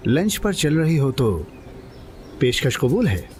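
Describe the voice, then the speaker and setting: A smooth, flirtatious charmer. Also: male voice, a little high, big pitch swings, takes it slowly, darkish tone, soft background music. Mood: teasing. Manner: smooth, teasing. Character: smooth flirtatious man, self-assured.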